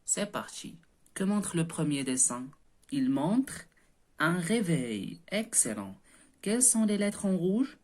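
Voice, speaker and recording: A woman teacher talks very slowly, with a lowish voice. She leads a children's reading lesson patiently, spelling out letters and praising often, and her pitch rises and falls a lot. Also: very animated, darkish tone. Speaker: primary school teacher.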